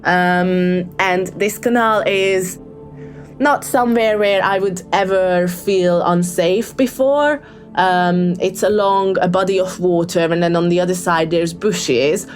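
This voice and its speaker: Taking it slowly, a Hungarian woman with a fairly low pitch narrates something that really happened in a voicemail. She keeps pausing with ums and starting over, with soft music in the background.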